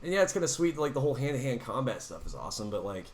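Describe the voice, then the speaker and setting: A man with a cold-roughened, hoarse voice, co-hosting a casual gaming podcast and swearing freely as he restarts his sentences. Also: medium pitch, very animated, very fast. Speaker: podcast co-host. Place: indoors, in Nebraska.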